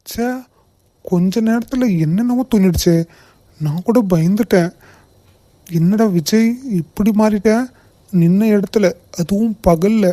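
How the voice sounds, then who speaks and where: A calm young man, voiced by a man in a cartoon, speaking in a mellow, mid-pitched voice. He reasons patiently and plainly, dry and close to the mic. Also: no echo, lightly acted. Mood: musing. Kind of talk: cartoon voice acting.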